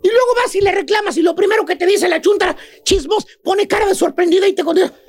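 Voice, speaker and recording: A squeaky, sky-high comic professor on a radio comedy show, shrieking his lines with theatrical scorn and mimicking gossipy women. The sound is dry and close, with no room around it. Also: fast talker, dry recording, shouting. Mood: mocking. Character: shrill mocking gossip-hating male professor.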